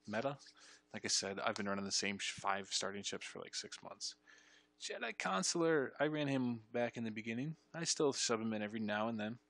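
Guy live streaming game stuff, kinda low voice, reads the numbers out then gets all excited, dry sound. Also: no room sound. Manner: reads ability text aloud then reacts, excitable bursts. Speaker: streamer reviewing game ship changes. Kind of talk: casual live-stream commentary.

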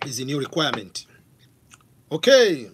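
A Tanzanian man in his forties, speaking with a Tanzanian accent, hosts a live Q&A stream from his home office and reads out viewer questions. He's animated and gestures a lot, his voice medium-pitched at normal speed, on a stand-mounted studio mic with pop filter and a little hiss or hum.

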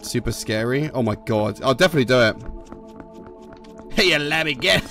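A man's voice: medium pitch, wildly swooping pitch, normal speed, sharp tone. A man casually commenting as he plays a game on a live stream, chatting with and thanking his viewers. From England. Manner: chatty, reads and thanks chat while playing. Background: game music.

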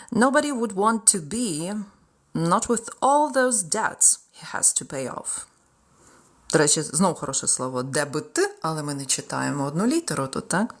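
Ukrainian woman teaching English, lively. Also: lowish voice, creaky. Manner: lively, reads example sentences aloud slowly. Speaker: English tutor. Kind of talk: live-streamed exam-prep lesson.

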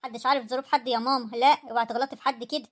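A woman voicing a poor, gentle older mother-in-law in an Egyptian cartoon story, pleading and self-effacing, with an Egyptian accent. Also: fairly high pitch, steady tone, rapid-fire, natural voice.

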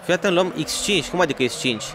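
A man playing a racing game for his channel, chatting in slangy, excitable bursts to himself and his viewers. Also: a little high, slight background noise. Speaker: gaming YouTuber. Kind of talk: let's play commentary.

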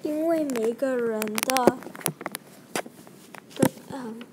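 Woman teacher reading a story for learners. Very slow and deliberate, with audible background noise. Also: high-pitched. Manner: slow, halting, carefully paced reading.

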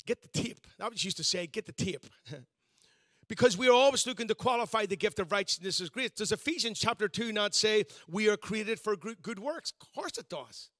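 A Northern Irish pastor in his fifties delivers a sermon in a bright, lifted voice that sits high for a man, animated and brisk. He speaks to the congregation loosely and conversationally, often restarting sentences and joking at his own expense. The sound is dry and close, with no echo.

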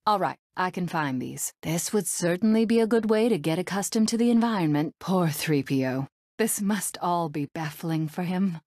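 A woman voicing a brave, sardonic young rebel princess in a video game, with a crisp, resolute and dryly sarcastic manner. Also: lowish voice, a little mellow, no room sound, studio quality. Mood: determined, dry.

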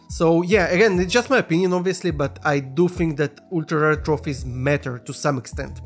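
A man in his thirties, born in Russia, reads out viewer questions and answers them in a relaxed, chatty way. His voice sits a little high for a man and comes through a close studio mic. Faint music plays behind him. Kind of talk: casual Q&A vlog. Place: small room with neon lights, indoors. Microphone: studio mic on stand in front.

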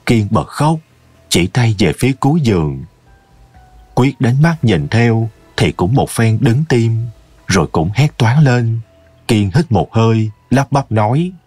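Husky-voiced man narrating a horror story. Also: mid-range voice, animated, darkish tone, dry recording, soft background music. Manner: slow, ominous storytelling.

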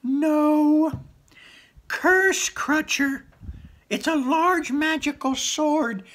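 A man voicing an urgent female manticore in a high, strained, insistent voice. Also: very slow, a bit bright, heavily acted.

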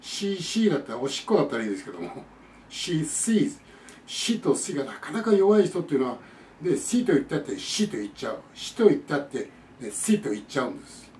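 A man giving a spoken pronunciation lesson, explaining patiently and repeating example words slowly. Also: medium pitch, sing-song, a little mellow. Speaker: English conversation teacher. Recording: echoey room, distant mic, faint noise.

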